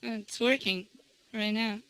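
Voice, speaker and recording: A man from Canada calling in with a voice changer that morphs his voice into a higher, female-sounding one, speaking quietly, slowly and teasingly. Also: steady tone, smooth, poor audio. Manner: quiet, slow, giggly and teasing. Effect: voice changer morphing a male voice into a higher female-sounding one. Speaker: caller. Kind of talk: prank call-in chat.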